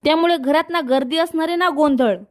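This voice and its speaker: A woman's voice: high-pitched, fairly quick, lightly acted. A woman narrator reading the lines of a scheming young woman who is anxious and defensive, in a plain quoted delivery.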